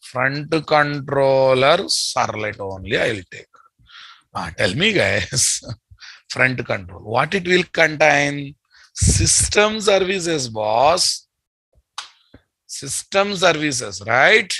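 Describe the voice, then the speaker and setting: Male tech trainer, Telugu Indian accent, slow and deliberate with a sharp edge, drilling the class by repetition. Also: medium pitch, animated, slightly rough, no room sound, poor audio. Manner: blunt, scolding, repeats phrases and questions the class. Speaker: programming instructor. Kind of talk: live technical lecture.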